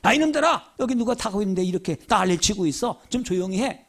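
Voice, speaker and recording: A man's voice: high-pitched, fast talker, pitched below the performer's own voice. A man preaching, voicing a stern, commanding teacher who rebukes the wind and demons. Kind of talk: sermon storytelling.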